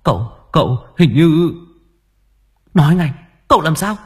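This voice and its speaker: A man's voice: a little high, expressive, unhurried, husky, voice pushed up, exaggerated voice. A man reading an audio story voices a young male servant who stammers and talks breathlessly. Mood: panicked.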